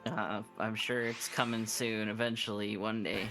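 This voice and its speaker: A man's voice: lowish voice, flat delivery, normal speed, loud music behind the voice. A man streaming a game and chatting casually, telling stories with lots of fillers and restarts. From Canada.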